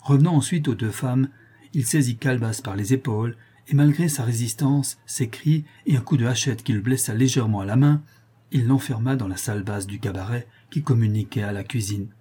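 A man reading a classic novel aloud, with dramatic, measured storytelling. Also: mid-range voice, dark tone, slightly rough. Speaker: audiobook narrator. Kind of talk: scripted narration of a novel.

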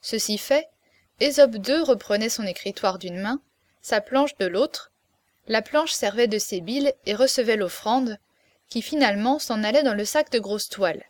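A woman reads a classic novel aloud with lively, expressive storytelling. Her voice sits a little higher than most. The sound is dry and close, with no room echo. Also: moderate pace. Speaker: narrator. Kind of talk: audiobook reading of a classic novel.

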